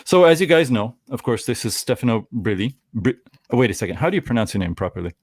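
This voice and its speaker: A Canadian man in his forties hosts a live stream in a loose, rambling way, breaking off mid-sentence for small jokes. His voice sits at an ordinary pitch. The sound is dry and close, with no room around it. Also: expressive, fast, slightly rough, dry recording. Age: 40s. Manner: rambling, self-interrupting, jokey. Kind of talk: casual live stream chat.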